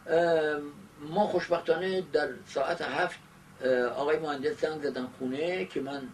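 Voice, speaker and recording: Older man, 70s, halting reminiscence, off-mic camcorder sound with faint noise. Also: fairly high pitch, steady tone. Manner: halting, with long hesitations. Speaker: interviewee giving oral history. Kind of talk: recollective personal narration. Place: small book-lined study indoors. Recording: distant mic, noisy amateur camcorder sound.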